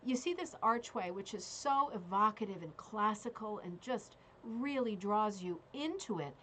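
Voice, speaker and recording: A woman's voice: medium pitch, lively intonation, normal speed, fairly bright tone. A woman hosting a casual live craft show as bingo caller, chatting with frequent check-ins and reading out details. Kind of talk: casual live show chat with read-out descriptions. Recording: clearly audible background noise.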